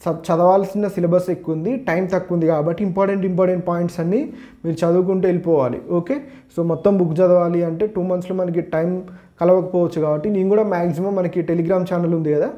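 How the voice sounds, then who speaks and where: Fast-talking man, Telangana Telugu accent, Telugu-English mix, mellow tone, informal exam tutor, explanatory. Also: high voice, flat delivery. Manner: mixes Telugu with English words and phrases; explanatory, repeats "okay, so" as a linking phrase. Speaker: exam prep teacher. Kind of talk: informal exam syllabus walkthrough.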